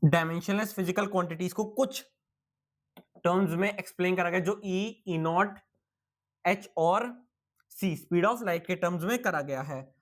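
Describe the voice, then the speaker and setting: A man's voice: sits high, a little slow, a bit bright. A young man teaching physics in a casual, chatty exam-prep lecture, asking and answering his own questions and sounding tired.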